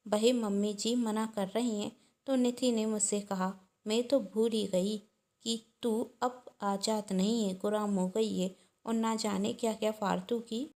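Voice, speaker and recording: A woman's voice: on the high side, warm tone. A woman voicing a scheming young daughter-in-law who speaks sweetly but falsely, in a family storybook reading.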